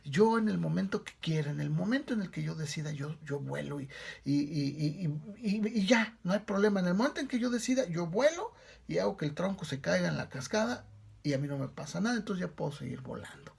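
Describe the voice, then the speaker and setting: Preacher voicing a complacent storybook goose: carefree, dismissive, gravelly husky tone. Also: male voice, on the high side, expressive, fairly quick, exaggerated voice. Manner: easygoing, carefree, dismissive of warnings. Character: complacent male goose resting on a log.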